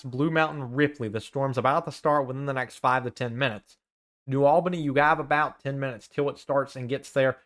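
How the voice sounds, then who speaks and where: In live severe weather coverage, a young man who is a student meteorologist reads off towns and arrival times, urges caution with pressing warnings, and occasionally corrects himself. His voice sits mid-range and sounds a bit bright.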